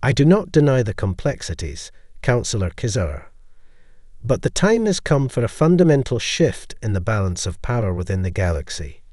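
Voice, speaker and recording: A man reads a resolute female ambassador in an audio story. She speaks firmly and formally, with lively rises and falls. The sound is dry and close. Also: medium pitch, moderate pace, no room sound. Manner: firm, formal, steely.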